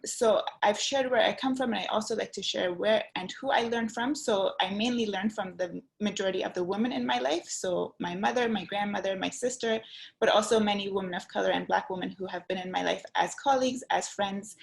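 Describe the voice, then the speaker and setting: A woman's voice: medium pitch, gravelly. A woman from Iran, speaking as a panelist in a webinar presentation over a video call, thoughtful with frequent fillers. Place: home in Toronto, video call.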